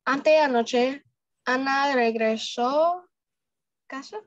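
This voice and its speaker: Female language student, slow and careful, higher voice, dry dull-sounding online audio. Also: no echo. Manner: hesitant, careful repeating.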